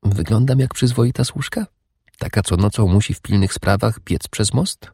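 A man reading an audiobook, voicing a bold, sly young princess in a hushed, often whispered voice. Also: fairly low pitch, moderate pace, husky, no room sound, studio quality, voice pushed up. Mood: playful, conspiratorial. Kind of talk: audiobook character voice.

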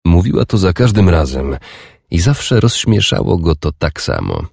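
Very deep, gravelly male narrator. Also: wildly swooping pitch, darkish tone, no room sound, studio quality. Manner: slow, measured, sensual reading. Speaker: audiobook narrator. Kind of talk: scripted narration.

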